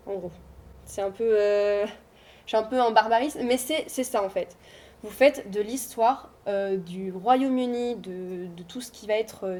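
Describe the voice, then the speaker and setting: Chatty young woman presenting, mellow tone. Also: on the high side. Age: young adult. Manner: chatty, hesitant with many fillers, reassuring. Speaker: student giving a talk to high schoolers. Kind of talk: informal presentation. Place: high school room, before an audience.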